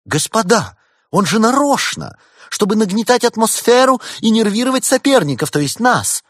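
A man voicing a grown woman, a shrill actress who hisses and squeaks in outrage, in an audiobook story. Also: big pitch swings, slow, no echo, studio quality, heavily acted. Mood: outraged.

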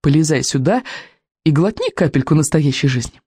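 A reader voicing a bold, teasing young Viking girl with a brash, high voice, in an audiobook. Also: expressive, moderate pace, a little mellow, slightly rough, dry recording, studio quality. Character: bold small blonde Viking girl, daring.

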